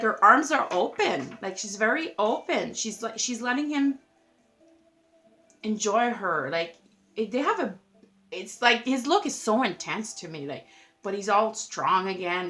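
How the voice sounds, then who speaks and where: A woman's voice: mid-range voice, pushed and bright. A woman giving a casual tarot reading to her viewers, chatty and effusive, filling her talk with "like" and laughing at herself. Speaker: tarot reader.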